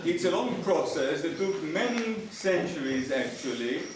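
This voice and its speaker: Older Israeli-accented lecturer, dry wit, distant mic, hissy background. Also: male voice, on the high side, lively intonation, a little slow. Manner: dry humor, conversational, addresses the audience directly. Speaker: professor giving a lecture. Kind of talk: public lecture. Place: lecture hall. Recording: distant mic, echoey hall, background noise.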